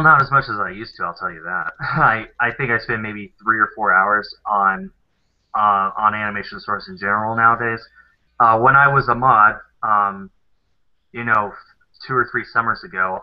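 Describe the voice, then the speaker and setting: A man's voice: fairly low pitch, normal speed. A man from the American South co-hosting a live stream, chatting casually and explaining things at length with many fillers. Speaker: co-host of a live stream show. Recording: dull lo-fi sound.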